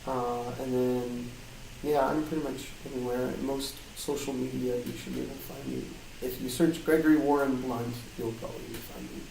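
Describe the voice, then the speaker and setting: Being interviewed about his role as a game audio designer, a man speaks casually and haltingly, hesitating and phrasing things loosely. His mellow medium-pitched voice holds a steady tone with some vocal fry. A distant mic in a small, hard-walled co-working office records faint noise and a roomy, metallic flutter echo.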